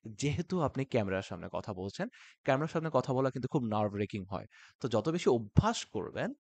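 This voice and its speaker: A male tutor talks his viewers through practice tips in a lively, animated way. His voice sits at a middle pitch and moves a lot. The sound is dry and close, with little room echo. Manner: animated, switches between Bengali and English phrases. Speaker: IELTS tutor. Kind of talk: instructional talk to camera.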